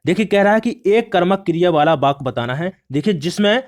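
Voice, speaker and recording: An Indian male teacher with a high-sitting voice speaks expressively and a little fast in an exam prep lesson. He takes exam questions step by step, often repeating "look" as he goes through each answer.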